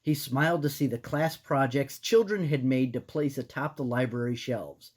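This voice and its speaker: A woman storyteller narrating a children's story in an animated style. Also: extremely low pitch, moderate pace, slightly rough.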